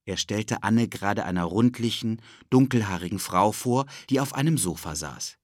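A man narrating a children's audiobook with expressive storytelling. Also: lowish voice, moderate pace, no echo, studio quality.

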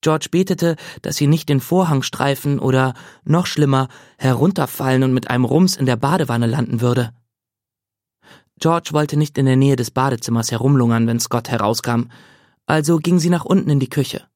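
A man reading a novel aloud as narrator, steady and measured. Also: mid-range voice, no echo, studio quality. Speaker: audiobook narrator. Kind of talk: scripted narration.

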